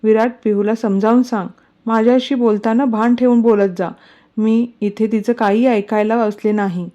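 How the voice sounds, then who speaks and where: A woman's voice: fairly high pitch, steady tone, moderate pace, warm tone, highs cut off, natural voice. A woman reading a story aloud voicing a stern older mother-in-law who scolds sharply. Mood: scolding.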